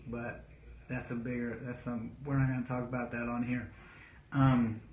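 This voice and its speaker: A man in his thirties, a father giving casual parenting talk to camera, earnest and rambling, pausing to read viewer questions. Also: medium pitch, little pitch movement, darkish tone, a little hiss or hum. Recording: echoey room, dull lo-fi sound.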